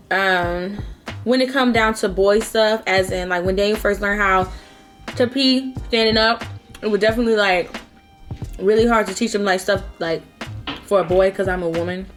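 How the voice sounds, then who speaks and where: A woman's voice: fairly high pitch, a bit bright. Young woman vlogging casually over music. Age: young adult. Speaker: mukbang vlogger. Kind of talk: casual chat to camera giving personal advice.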